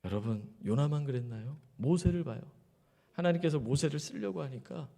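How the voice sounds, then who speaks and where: A man preaching a Sunday sermon as pastor, putting rhetorical questions straight to the congregation and swinging between soft low asides and loud emphatic rises. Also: normal speed, gravelly. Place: church sanctuary. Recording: long reverb of a large church hall.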